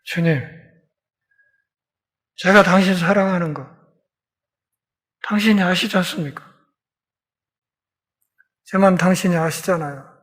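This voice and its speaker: An impulsive disciple, voiced by a man preaching, pleads and protests in a sermon retelling. He is earnest and anxious, and his voice sits high. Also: unhurried, long pauses, fairly bright tone. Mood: pleading. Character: impulsive man disciple, fearful then humbled.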